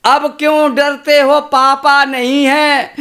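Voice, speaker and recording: A man's voice: very high voice, flat delivery, slow, sharp tone, voice pushed up, full character voice. An older man putting on a teasing young bride.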